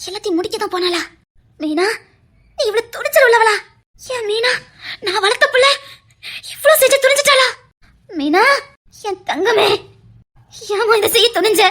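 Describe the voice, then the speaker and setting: A woman voicing a commanding middle-aged aunt, head of the family, speaking low and deliberately with a Tirunelveli Tamil accent. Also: animated, a bit bright. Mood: distraught.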